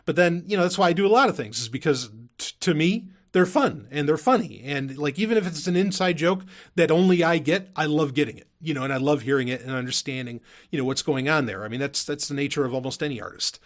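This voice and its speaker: A man with a slightly high, expressive voice talks fast with few pauses while hosting a podcast. His unscripted monologue rambles, as he cuts himself off and drifts into hedging asides.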